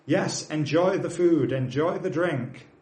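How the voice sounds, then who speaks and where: A slightly high, somewhat mellow voice belongs to a British man in his forties preaching at a slow pace. He urges his congregation earnestly and mixes in plain, friendly asides, and the sound is roomy.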